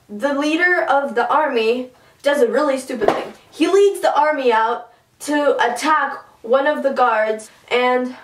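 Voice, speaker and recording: A young woman giving a casual, chatty book talk, excitable with quick asides. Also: sits high, a little hiss or hum. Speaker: book reviewer. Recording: roomy, from a distance.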